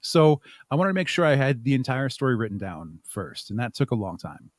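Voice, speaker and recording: An audio drama creator appears as an interview guest, answering conversationally and explaining things step by step with examples. His medium-pitched voice swings widely in pitch, runs a little fast, and has no echo.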